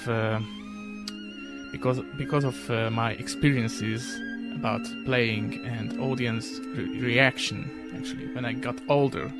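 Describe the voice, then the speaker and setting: A man with a gravelly, creaky voice, outdoors on a street. He pauses often and searches for his words. Music plays clearly behind him. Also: mid-range voice. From Hungary. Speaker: street violinist. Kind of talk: interview answers.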